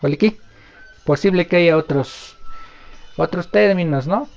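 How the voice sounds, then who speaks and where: A man with a fairly high voice teaches during a live online session, answering viewers' questions patiently. He stretches example words out slowly and pauses often to think. The audio is dull and lo-fi, with faint music underneath. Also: creaky, a little mellow. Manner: explains patiently, drawn-out example words, many filler pauses. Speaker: language teacher.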